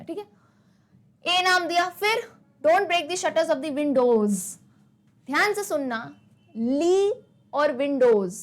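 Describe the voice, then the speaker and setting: A young woman teacher with a high voice walks a class through a lesson. She mixes Hindi with English words and keeps asking the students questions, then answers them herself in their voice.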